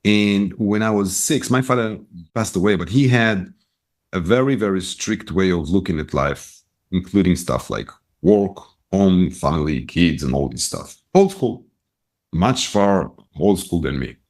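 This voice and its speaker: In a casual storytelling interview, a middle-aged guest who owns a retail business speaks with an Israeli accent on the low side. He's an animated storyteller, talking in quick bursts and often restarting sentences, his lively pitch swinging up and down.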